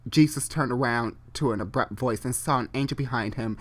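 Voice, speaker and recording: Talking a little fast in a mid-range voice, this host performs amateur online fiction as a comedic dramatic reading, theatrical and unfiltered. Casual asides interrupt the reading, and stumbled phrases get read again.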